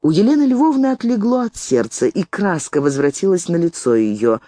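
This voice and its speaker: A woman reading a classic novel aloud as an audiobook narrator, with expressive, varied intonation. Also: lowish voice, moderate pace, no echo.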